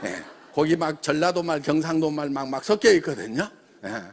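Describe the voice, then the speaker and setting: A middle-aged company chairman from Jeolla addresses members in a rousing motivational talk. His voice sits high for a man and swings widely in pitch. He keeps prodding the audience with rhetorical questions. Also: normal speed. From Jeolla region, South Korea. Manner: animated, peppers speech with rhetorical questions and laughs.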